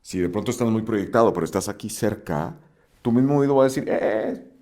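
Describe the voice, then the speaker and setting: A man teaching a voice-over lesson, explaining microphone technique into a close studio mic and demonstrating with his own voice. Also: fast talker. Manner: expressive teaching, swings pitch widely to demonstrate. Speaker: voice-over instructor.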